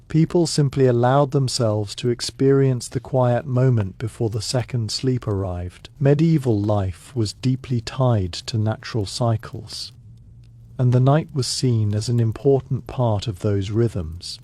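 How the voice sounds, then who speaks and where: A man narrating a scripted bedtime history in a monotone delivery with little stress on any word. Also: mid-range voice, a little slow.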